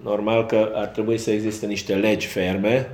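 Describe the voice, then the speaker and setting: A man's voice: fairly low pitch, little pitch movement, a little mellow. A man speaking as a football coach at a post-match press conference, frank and self-critical. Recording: roomy echo.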